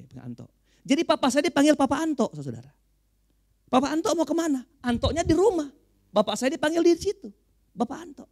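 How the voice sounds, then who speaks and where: A man from Manado preaching a Pentecostal sermon as pastor. His voice drops low and quiet, then climbs into loud, shouted appeals, punctuated by hallelujahs. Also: dry recording, studio quality. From Manado, Indonesia.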